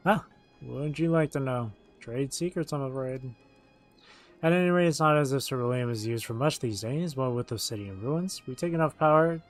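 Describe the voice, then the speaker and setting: Guy streaming a game, reading all the dialogue out loud in character, middle pitch, bit of music behind. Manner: acts out the written dialogue as they read.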